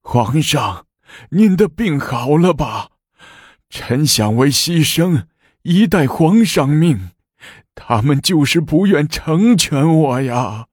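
A man's voice: mid-range voice, animated, unhurried, hardly any pauses, husky, no room sound, clean studio sound, voice pushed up. A man voicing an overwrought, loyal male court official in a pleading, wailing delivery. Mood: tearful.

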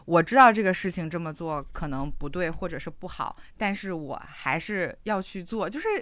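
A woman's voice: on the low side, lively intonation, moderate pace, a bit bright, no room sound. A woman co-hosting a podcast, talking in a chatty, reflective way with many fillers. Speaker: podcast co-host. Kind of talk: casual chat.

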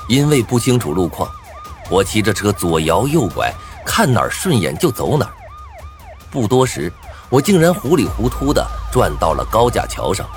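A man narrating a first-person thriller story with a dramatic, swinging delivery. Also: fairly low pitch.

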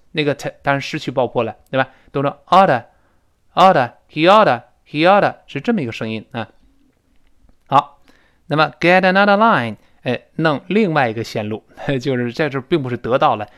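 Lively male English teacher drilling pronunciation. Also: clear, resonant tone. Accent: Mandarin Chinese. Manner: repeats words slowly, often drawn out, to demonstrate; lively, frequent pitch jumps for emphasis. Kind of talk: spoken English lesson explaining pronunciation.

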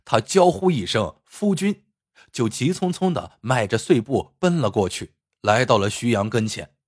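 Husky man telling a suspense story. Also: mid-range voice, lively intonation, normal speed, no room sound, clean studio sound. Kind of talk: dramatic story narration.

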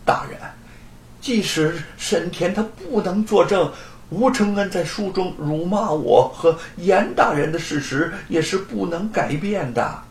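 A man's voice: sits high, lively intonation, unhurried, roomy sound, pitched above the performer's own voice. A man voicing a scheming, jealous country squire who pleads and hisses threats in a storytelling recording. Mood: pleading.

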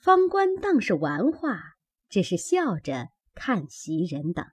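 A woman reading a classic novel aloud as audiobook narration, measured and expressive. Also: medium pitch, slightly rough. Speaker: audiobook reader.

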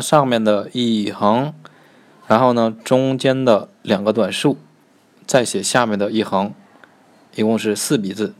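A man teaching a Korean pronunciation lesson. He explains quickly, then slows right down to repeat each model sound several times. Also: on the low side.

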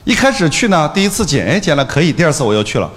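A middle-aged man giving a lively business lecture, telling anecdotes bluntly and acting out the dialogue. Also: fairly high pitch, racing, a little hiss or hum. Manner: animated storyteller acting out dialogue; blunt colloquial speech. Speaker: business trainer. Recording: long hall reverb.

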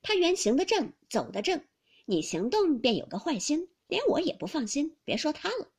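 A woman voicing a young maidservant who is sharp-tongued and teasing, speaking loud and playful. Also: high voice, very animated, moderate pace, pitched above the performer's own voice. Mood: scolding. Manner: playful scolding, loud and bright.

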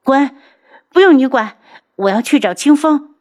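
A woman voicing a quarrelsome, demanding young wife who scolds her husband in a shrill voice. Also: animated, unhurried, a little mellow. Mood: angry, shrill.

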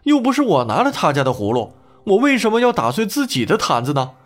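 A man's voice: sits high, huge pitch swings, quick pace, pitched above the performer's own voice. A man voicing a wronged male villager who pleads his case before a judge in a whining voice. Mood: pleading.

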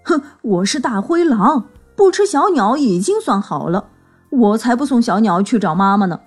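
A woman voicing a grumpy big male grey wolf in a children's storybook, talking gruffly and blustering. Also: a little high, big pitch swings, normal speed, soft background music. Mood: scornful.

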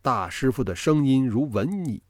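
Lively male audiobook storyteller. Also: medium pitch, normal speed, no echo, studio quality. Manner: dramatic, expressive storytelling. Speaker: audiobook narrator. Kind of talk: scripted storytelling narration.

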